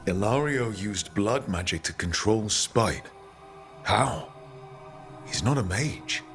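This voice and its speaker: Low-voiced steady adventurer hero. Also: male voice, slow, soft background music, heavily acted. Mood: earnest. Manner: plain, direct questioning. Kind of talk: video game voice acting.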